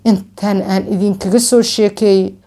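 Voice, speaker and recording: A woman's voice: mid-range voice, level tone, normal speed, dark tone. A young woman with a Somali accent tells a dramatic story to camera, emphatically, drawing out words and retelling dialogue. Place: small furnished room at home, indoors.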